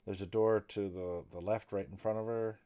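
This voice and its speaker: Low-voiced man running a game. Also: moderate pace. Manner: relaxed, rambling description with fillers. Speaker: game master. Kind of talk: narrating a tabletop game.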